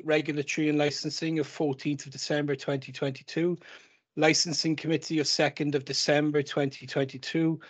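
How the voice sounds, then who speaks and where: A man chairing a council meeting as mayor. He reads out agenda items in turn and calls on members to speak, talking into a desk microphone in a large council chamber. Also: on the high side.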